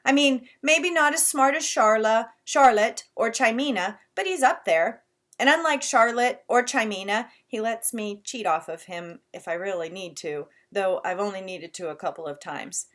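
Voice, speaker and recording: A woman's voice: on the high side, moderate pace, a bit bright. A woman narrating a story in the first person with a casual, conversational delivery. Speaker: audiobook reader.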